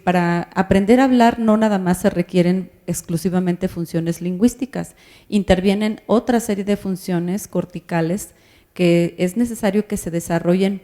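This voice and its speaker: A woman's voice: fairly low pitch, steady tone, normal speed, dark tone. A woman giving a lecture to parents, explaining things step by step and putting questions to her listeners. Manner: explanatory, asks the audience questions. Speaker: speaker on child language development.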